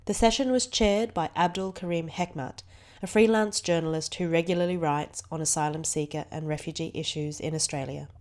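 A woman reading scripted narration as a podcast narrator, with a clear, even delivery. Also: low-pitched, a little fast.

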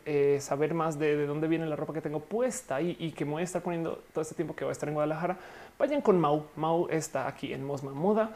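Young woman streamer, Mexican Spanish accent, low and warm, chatty with viewers. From Colombia. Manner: chatty, reads viewer comments aloud. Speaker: live streamer reading chat. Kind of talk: casual live stream chat.

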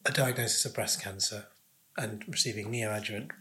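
A man interviewing in a conversational, probing way, phrasing his words deliberately and in careful fragments. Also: fairly low pitch, bright, forceful tone, poor audio.

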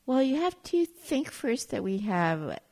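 A woman's voice: fairly high pitch, big pitch swings, measured pace, a little mellow. A woman from Chile, a winery owner chatting as an interview guest, telling stories and searching for words as she goes. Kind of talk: casual interview chat.

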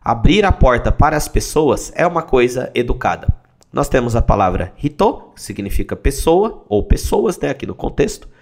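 Methodical man teaching phrases. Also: mid-range voice. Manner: methodical, breaks words into parts and repeats them slowly. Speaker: language teacher. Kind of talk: explaining phrases in a lesson series.

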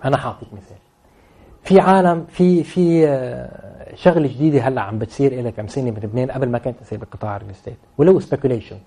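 This interview guest, a man with a Lebanese Levantine Arabic accent, talks about real estate off the cuff at a very fast clip. His voice is medium-pitched, dark and husky, and he keeps repeating phrases emphatically to underline his points.

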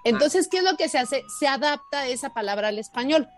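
Woman giving a grammar quiz on the radio, kinda high voice, teasing and emphatic, music under it. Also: animated, brisk. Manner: teasing, emphatic, laughs often. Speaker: spelling and grammar guest expert. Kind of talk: playful radio quiz lesson.

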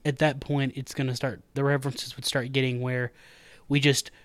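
A man joking around on a podcast in an animated, playful way. His voice sits at a mid pitch. The recording is dry, with no room echo. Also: moderate pace. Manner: jokey and animated. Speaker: podcast co-host. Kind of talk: casual chat.

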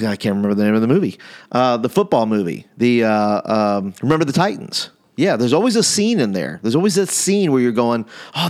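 A middle-aged man, a pastor, chatting casually to his audience in a rambling way, often stopping to correct himself. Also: mid-range voice. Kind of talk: casual chat.

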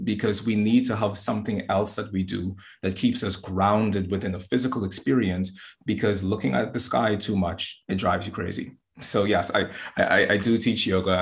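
A low-pitched man from the Bahamas, appearing as a guest astrologer and yoga teacher, talks earnestly in a casual interview. He frequently restarts his words.

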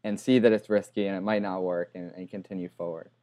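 Man, podcast host, lowish voice, reflective, affirming, casual. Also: steady tone, fast, dark tone.

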